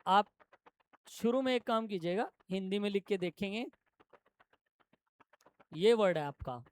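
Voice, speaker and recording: A man teaching shorthand to a classroom, explaining step by step and quizzing his students with quick questions. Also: high-pitched, lively intonation, smooth. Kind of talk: classroom lesson.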